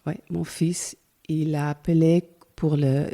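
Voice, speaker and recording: Low-voiced Dutch-accented woman. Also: level tone, takes it slowly, mellow. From Netherlands. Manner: hesitant, searching for words with many fillers. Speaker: guest. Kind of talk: casual interview chat.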